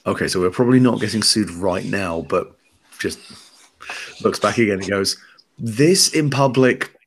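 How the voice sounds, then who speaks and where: A man playing a tabletop game, narrating his character in a dry, deadpan way. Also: sits low, moderate pace, gravelly. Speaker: player. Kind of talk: casual tabletop play.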